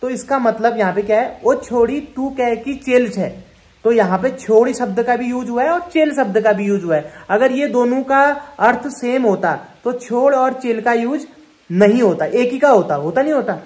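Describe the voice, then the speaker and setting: A man's voice: very high-pitched, lively intonation, moderate pace, a little mellow. A man from the Kumaon hills, teaching words in a spoken lesson, repeating each word and quizzing his listeners. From Kumaon, Uttarakhand. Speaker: language teacher. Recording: echoey room.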